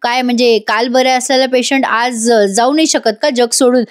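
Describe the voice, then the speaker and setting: A woman's voice: fairly high pitch, fairly even intonation, normal speed, natural voice. A woman voicing a cold, domineering man who gives orders and brushes off questions about a death. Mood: commanding. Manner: dismissive, commanding.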